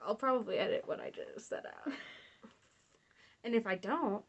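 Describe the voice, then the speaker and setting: A woman's voice: a little high, moderate pace, husky, highs cut off. A young woman casually reading fan fiction aloud, breaking off for sarcastic, laughing, swearing asides. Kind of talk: casual comedic read-along.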